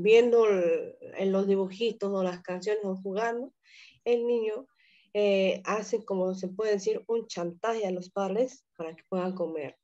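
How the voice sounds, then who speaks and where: A woman's voice: medium pitch, mellow, muffled recording. A woman student with a Peruvian accent, making a hesitant comment in class, with fillers. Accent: Peruvian Spanish.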